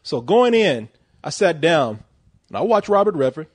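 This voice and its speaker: A man's voice: fairly high pitch, moderate pace, husky, no echo. A man chatting casually about a film he reviews, joking and cursing, often restarting his sentences. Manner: profane, jokey, animated, many restarts. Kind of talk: casual chat.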